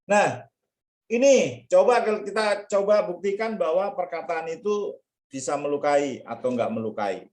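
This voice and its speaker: A male Sunday school teacher talks to children with a lively voice that swoops up and down. He acts out playground taunts in a high, mocking voice. He sounds like he is in an echoey room. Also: moderate pace. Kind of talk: children's church lesson.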